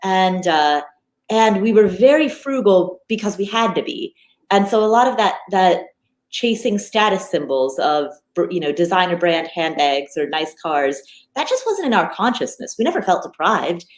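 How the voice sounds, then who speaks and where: Recorded in an echoey room, this finance podcaster in her thirties, Nepali-born and raised in the US, chats as an interview guest. Her voice sits fairly low at an ordinary pace, and she talks animatedly, frequently restarting and using fillers.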